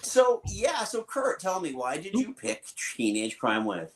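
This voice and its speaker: A man's voice: high-pitched, huge pitch swings, unhurried, slight background noise. A middle-aged man with a Southern American inflection hosting a casual podcast, rambling and self-deprecating with chuckles between points. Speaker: podcast host.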